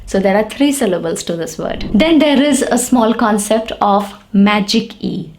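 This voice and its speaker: A woman teaching an English pronunciation lesson, saying example words slowly and repeating them for practice. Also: medium pitch, a little mellow, slight background noise. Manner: slow, deliberate, repeats words for drill.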